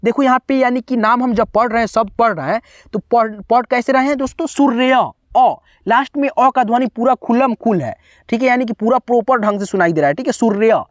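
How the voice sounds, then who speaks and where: Patient man spelling words out slowly. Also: very high voice, no echo, studio quality. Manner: keeps saying "okay, friends". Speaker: teacher. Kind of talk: spelling lesson for beginners.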